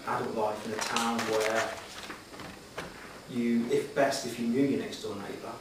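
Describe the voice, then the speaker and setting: A middle-aged man speaks earnestly and a little hesitantly, answering formal interview questions. His voice rings around a very echoey hall, picked up from a distance with clear noise behind it. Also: mid-range voice, flat delivery, unhurried. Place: echoey meeting room, addressing the room.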